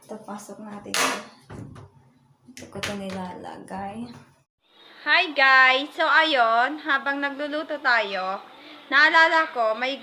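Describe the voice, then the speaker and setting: A woman from the Philippines chatting casually in a rambling family vlog from her home kitchen, full of fillers. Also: fairly high pitch. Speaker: vlogger. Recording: echoey room with noise.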